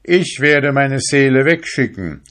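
A man's voice: lowish voice, animated, takes it slowly, voice pushed up, heavily acted. A man voicing a young lovestruck fisherman who speaks in an eager, pleading way, raised above his own voice. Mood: eager, excited.

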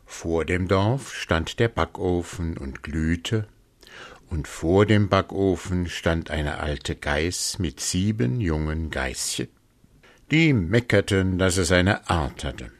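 A man reading a fairy tale aloud as a calm, measured storyteller. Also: low-pitched.

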